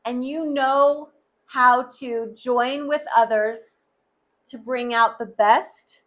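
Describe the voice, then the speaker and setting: Woman tarot reader, earnest, speaks directly to listener, unhurried delivery. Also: fairly high pitch, fairly even intonation, fairly bright tone. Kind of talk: tarot card reading monologue.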